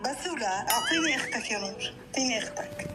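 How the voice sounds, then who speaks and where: A woman's voice: on the high side, lively intonation, very fast. A middle-aged woman, speaking casually as a mother on a family phone call. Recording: phone call with music behind.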